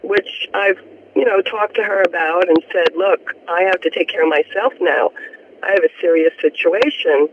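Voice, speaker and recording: A woman's voice: fairly low pitch, normal speed. A woman from Florida calling in to a radio show over the telephone, talking earnestly and at length about her personal troubles. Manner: earnest, rambling, open about family troubles. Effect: heard over a telephone line on a radio show. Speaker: radio call-in caller. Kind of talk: personal phone-in conversation. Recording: tinny phone line with faint hiss.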